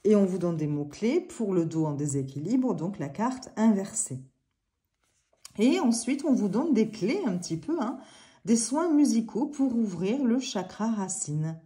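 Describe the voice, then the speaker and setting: A woman's voice: mid-range voice, very animated, unhurried, dark tone. A woman casually reviewing an oracle deck at home, chatty, with many fillers and little apologies. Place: living room at home. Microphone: camera on a tripod.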